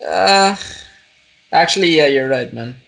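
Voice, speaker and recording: Young guy with a higher voice, blunt, swears a lot, casual podcast chat. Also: animated, measured pace, gravelly, fairly bright tone. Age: young adult. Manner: blunt, profane quips. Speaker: podcast co-host.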